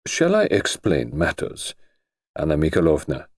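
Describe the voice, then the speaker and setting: A male narrator voicing a grave middle-aged count who speaks in a measured way. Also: rumbling low, huge pitch swings, no room sound, studio quality, voice pushed down, heavily acted. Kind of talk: audiobook character voice.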